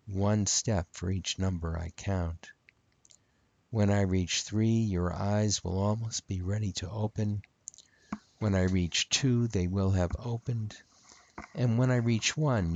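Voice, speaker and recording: A man speaking as a hypnotist, leading a guided relaxation in soothing, repetitive, measured phrases. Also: low voice, a little mellow, dry recording, lo-fi sound.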